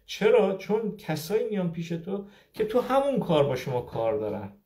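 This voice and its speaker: A man's voice: sits high, big pitch swings, warm tone. A man in his fifties from Iran, an optometrist giving casual advice on a live stream, asking rhetorical questions and repeating key points for emphasis. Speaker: optometrist sharing migration advice.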